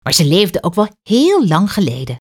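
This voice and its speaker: A woman's voice: lowish voice, huge pitch swings, moderate pace, husky, voice pushed up, heavily acted. A woman voicing a friendly museum guide, explaining kindly.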